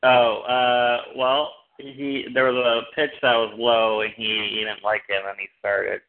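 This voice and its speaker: A man co-hosting a casual sports chat in a hesitant, halting way, over a muffled connection. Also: mid-range voice, flat delivery, a little hiss or hum. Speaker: sports podcast co-host.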